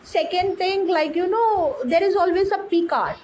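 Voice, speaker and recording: A woman chats through a conversation practice, her voice sitting high. She fills pauses with "like, you know". Faint noise hums behind her. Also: darkish tone, poor audio. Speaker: English learner.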